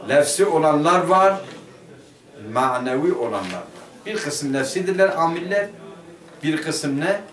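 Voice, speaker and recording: Male teacher, higher voice, leads a grammar lesson and quizzes the class, heard from across an echoey room. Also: a little slow, a bit bright. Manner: asks the class questions and answers them himself. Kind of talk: Turkish madrasa lesson explaining a grammar text. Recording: roomy classroom picked up from a distance.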